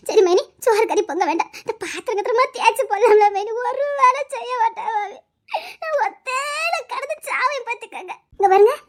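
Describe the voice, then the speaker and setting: A very high, quick-talking woman with a complains on and on, tearful and aggrieved, as an actress plays her. Her words tumble out in a run of grievances in a web series drama. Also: fairly bright tone. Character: grumbling woman complaining about her household to a sister-in-law.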